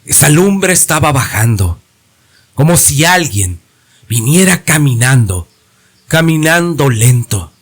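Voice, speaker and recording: Slow, suspenseful male horror narrator. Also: a little high, sing-song.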